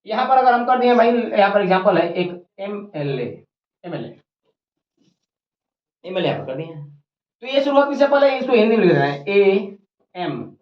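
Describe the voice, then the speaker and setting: A teacher giving a grammar lesson at a board, repeating each point and asking and answering questions. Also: medium pitch. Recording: roomy, dull lo-fi recording.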